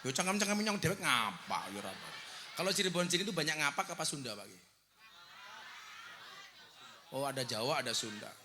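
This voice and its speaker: A man's voice: mid-range voice, big pitch swings, a little fast, long pauses, in a large hall, noisy background. A man preaching a humorous live sermon, teasing the crowd and breaking into sung prayers.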